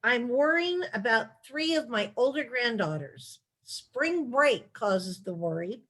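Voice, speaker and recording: A woman author, a former chief of staff, reading letters aloud in a measured storytelling way during a video call interview. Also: on the high side, animated, fairly bright tone.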